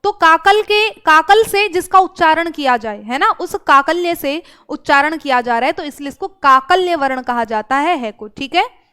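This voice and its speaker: A woman's voice: high voice, lively intonation, moderate pace, a bit bright. A woman teacher explaining grammar step by step, asking questions and answering them herself. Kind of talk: exam-prep grammar lesson.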